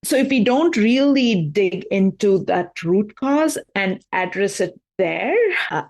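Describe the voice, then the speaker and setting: A woman's voice: medium pitch, lively intonation, slow, a little mellow. A woman co-hosting a podcast, affirming her guest and ending her points with "right?". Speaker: podcast co-host. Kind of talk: conversational podcast interview.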